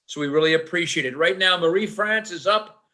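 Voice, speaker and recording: A man with a bright, fairly high voice hosts an online folk sing. He speaks in a friendly way, thanking singers and announcing the lineup over a video call. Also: fairly quick. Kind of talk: emcee announcements.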